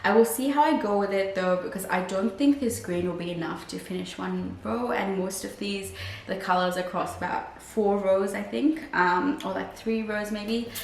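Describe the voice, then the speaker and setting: A woman's voice: medium pitch, normal speed, gravelly. A woman chatting casually to her vlog audience as a crocheter, with a wry, self-deprecating manner. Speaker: crochet vlogger. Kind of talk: casual chat to camera, vlog. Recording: roomy, distant mic, faint hiss.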